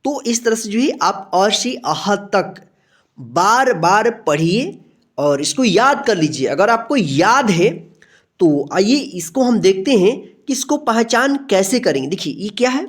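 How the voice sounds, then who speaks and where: A woman's voice: medium pitch, animated, unhurried, breathy edge. A woman teaching a beginner alphabet lesson, patient and repetitive, who draws out each letter sound and checks in with her students again and again.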